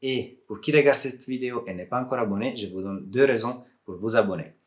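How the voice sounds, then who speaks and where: In a mid-range voice at a fairly quick pace, an Italian man speaks accented French, not his native language, while chatting to camera as a tech YouTuber. He's friendly and joking, with occasional hesitations.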